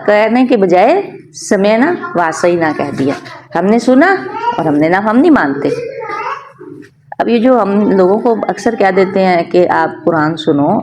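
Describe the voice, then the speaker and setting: A woman teaching a Quran tafsir lesson, explaining verses with animated emphasis and soft laughs. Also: medium pitch, background noise.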